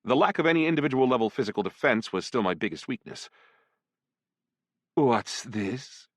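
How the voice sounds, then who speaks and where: A man narrating a first-person dark fantasy audiobook in an expressive storytelling manner. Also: mid-range voice, very fast, no echo.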